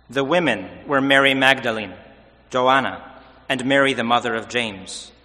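Man, clergy, solemn liturgical reading, slow and measured, bright projected voice, cathedral echo. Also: mid-range voice. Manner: measured, formal delivery. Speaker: clergyman reading the Gospel at Mass. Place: large reverberant church. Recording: cathedral echo, long church reverb.

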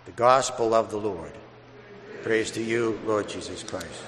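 A man's voice: on the low side, unhurried, a bit bright. A man, a priest, reading the Gospel and preaching a homily in a conversational way with everyday examples, his voice ringing with cathedral echo in a large church. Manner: conversational, uses everyday examples and acted-out asides. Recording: echoey church with long hall reverb.

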